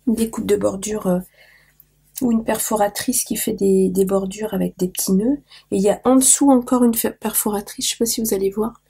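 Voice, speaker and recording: A woman's voice: medium pitch, steady tone, brisk, vocal fry, mellow, breathy edge. A woman losing her voice, chatting casually to viewers as she opens mail and gushes over small details. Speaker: craft vlogger opening mail. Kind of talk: casual show-and-tell to viewers.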